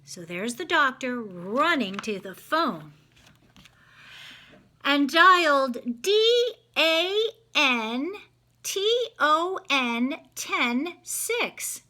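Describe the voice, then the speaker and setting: This storyteller's voice is high-pitched, very animated and sharp, and she reads very slowly. She's sharing a picture book aloud with children, expressively, and stops now and then to pose simple questions to them.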